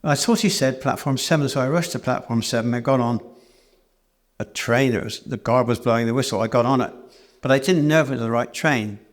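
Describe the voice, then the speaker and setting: A man's voice: medium pitch, brisk. A man telling a rambling, self-deprecating travel anecdote live on stage in a church venue, with frequent restarts. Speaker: cabaret storyteller and singer. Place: church hall, live performance.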